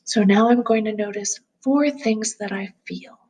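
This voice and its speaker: Soft breathy lady doing a calm grounding exercise, gentle n soothing, bit husky, mid pitch. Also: measured pace. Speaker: instructor guiding a grounding exercise.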